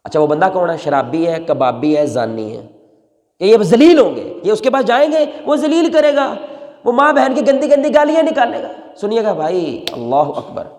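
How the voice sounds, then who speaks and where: A male preacher, telling a story in an emotional sermon that swings between soft pleading and loud exhortation. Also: high-pitched, sing-song. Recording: long reverb in a large hall.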